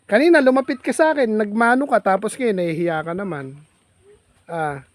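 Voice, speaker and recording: A man's voice: high-pitched, normal speed, dry recording. A man vlogging outdoors in farm fields, chatting with a child in a playful, teasing, coaxing way. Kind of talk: casual teasing chat with a child.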